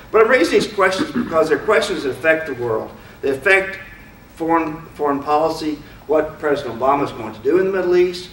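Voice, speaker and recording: A man with a fairly high, slightly bright voice gives an informal, opinionated lecture, speaking frankly and conversationally while firing rhetorical questions at the audience. The mic sits far off in a roomy lecture hall, so his voice carries its echo over a little background noise.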